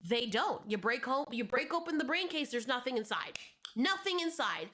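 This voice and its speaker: Bright, high-pitched young woman for a heated, sweary reaction rant. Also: sing-song, moderate pace. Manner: heated, exasperated, swears freely. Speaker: co-host reacting to clips. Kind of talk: casual ranting chat.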